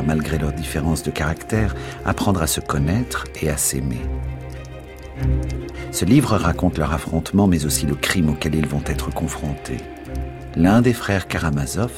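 A man presenting a classic novel and reading its narration in a measured, dramatic way. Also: extremely low pitch. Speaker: book programme presenter.

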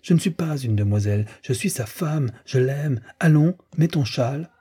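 A man's voice: mid-range voice, animated, normal speed, warm tone, slightly rough, voice pushed up. A man voicing an impulsive young woman in love, urgent and commanding, in an audiobook reading. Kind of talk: audiobook character voice.

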